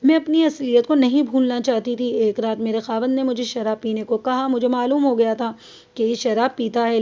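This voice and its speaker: A woman's voice: a little high, dark tone, lo-fi sound, close to an everyday voice. A woman voicing a defiant young wife who bluntly tells her story in a police statement, read as an audiobook. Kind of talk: audiobook reading.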